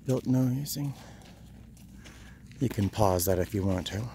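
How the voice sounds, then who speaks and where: With a lowish, mellow voice and a slightly slow pace, a Rhode Island vlogger chats to the viewer, thinking aloud in a wry, musing way as he explores a tourist site's grounds and small huts. The handheld footage carries outdoor ambient noise.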